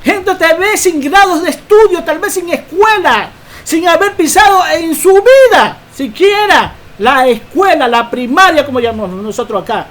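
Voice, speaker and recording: A woman preacher giving a Bible teaching sermon, emphatic and quick to ask rhetorical questions. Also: extremely high pitch, lively intonation.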